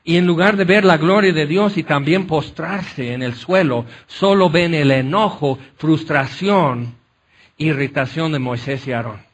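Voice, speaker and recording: A man delivers a conversational sermon in a high-pitched voice. He talks animatedly, acts out the Bible scenes and keeps checking in with his listeners as he goes. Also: measured pace, a little hiss or hum. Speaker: preacher.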